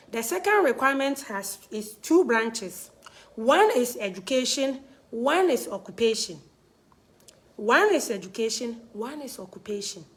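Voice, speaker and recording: A woman with a Ghanaian accent hosting a live explainer, speaking in an instructive, emphatic way and repeating her key points. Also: fairly high pitch. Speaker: host of a livestream advising visa lottery applicants.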